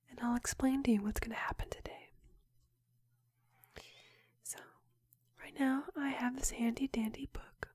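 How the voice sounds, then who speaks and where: A young woman whispering an ASMR roleplay as a clinic counselor, asking questions softly with pauses. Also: sits high, husky, dry recording. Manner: soft whisper throughout, slow questioning with pauses. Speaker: ASMR creator.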